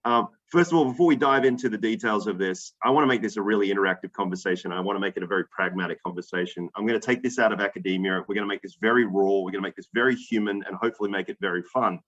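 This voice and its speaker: A man's voice: fairly low pitch, rapid-fire, hardly any pauses, a bit bright, dull audio. A man with an Australian accent, speaking emphatically to students over a video call, with many fillers. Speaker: investor guest speaker.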